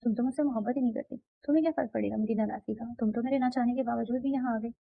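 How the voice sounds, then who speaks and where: A woman's voice: on the high side, steady tone, rapid-fire, gravelly. A woman voicing a young police-officer husband who teases his wife playfully and possessively, in a romance novel reading. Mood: teasing, tender. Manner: teasing. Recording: dull, slightly muffled dry recording.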